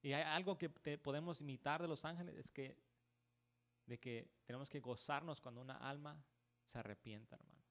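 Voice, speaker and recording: A man with a slightly high voice preaching a church sermon. He keeps turning to the congregation with "brother" and "right?" and restarts his words often. English words slip into his preaching now and then. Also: steady tone, brisk, a bit bright. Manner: peppers talk with "hermano" and "¿verdad?".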